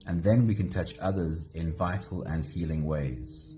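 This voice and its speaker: A man hosting a live guided meditation, speaking gently and greeting viewers by name. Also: sits low, a little slow, music in the background. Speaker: meditation host.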